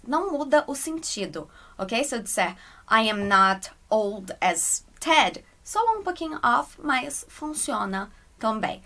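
A Brazilian woman teaching English grammar in Portuguese, explaining step by step and slowing down to read example sentences. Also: on the high side, fairly bright tone. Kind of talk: explanatory online lesson.

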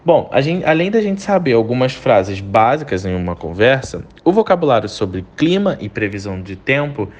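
A man teaching an English lesson in Portuguese, lively and chatty, repeating each English phrase slowly for the student to copy. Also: medium pitch, lo-fi sound.

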